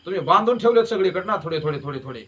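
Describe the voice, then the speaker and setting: A man's voice: high-pitched, animated, rapid-fire, highs cut off. A man giving a devotional sermon, emphatic and repetitive, with folksy storytelling. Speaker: devotional preacher.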